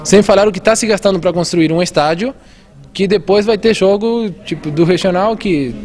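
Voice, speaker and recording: In an interview, an earnest civic watchdog representative brought up in Argentina explains civic oversight at a moderate pace. His voice sits high with a darkish tone, and he restarts often and uses many fillers.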